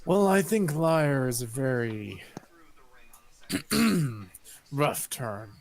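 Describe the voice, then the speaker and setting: A man voicing a gruff, scarred mercenary in a tabletop game, speaking quietly and offhand. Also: mid-range voice, sing-song, drawn-out words, exaggerated voice. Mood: curt.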